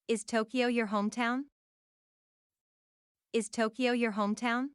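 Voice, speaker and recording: Woman reading practice phrases, unhurried, clean and crisp, each line repeated evenly, dry close sound. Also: on the high side, no echo. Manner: repeats each phrase several times, deliberate and even. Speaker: English phrase reader. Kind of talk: slow read-aloud of practice phrases.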